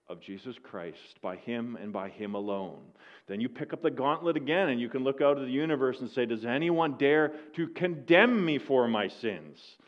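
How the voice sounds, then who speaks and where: A man preaching a sermon, telling a story that swells loud and then drops to slow, hushed lines. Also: mid-range voice, muffled recording.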